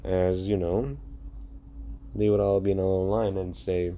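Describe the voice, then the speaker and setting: A man's voice: low voice, flat delivery, moderate pace, mellow, slight background noise. A young man casually telling a fan-made story, rambling with many fillers and restarts.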